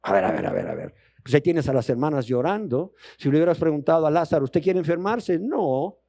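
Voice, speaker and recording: Man, colombian spanish accent, bible teaching sermon, mellow tone, emphatic questions. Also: a little high, expressive, fast talker, gravelly. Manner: emphatic, rising questions to the audience, acts out dialogue.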